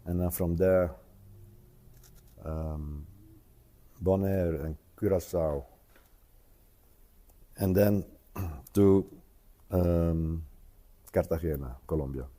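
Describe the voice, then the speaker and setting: A man in his seventies, an interview guest, speaking hesitantly with many pauses and tag questions. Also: deep voice, warm tone. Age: 70s. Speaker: interview guest, retired traveler. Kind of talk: casual conversational interview.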